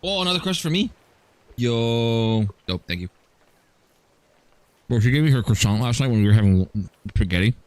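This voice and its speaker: A man's voice: mid-range voice, lively intonation, normal speed, pauses often, a little mellow, no echo. A man chatting casually on a livestream while he plays a game, joking and often stammering as he restarts his sentences. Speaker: streamer.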